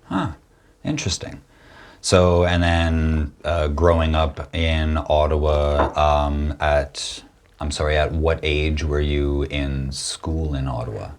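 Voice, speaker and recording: A young man hosting a podcast interview, talking slowly and haltingly, with many restarts. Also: extremely low pitch. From Quebec. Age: young adult. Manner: slow, hesitant, many restarts. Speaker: podcast host. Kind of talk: casual interview.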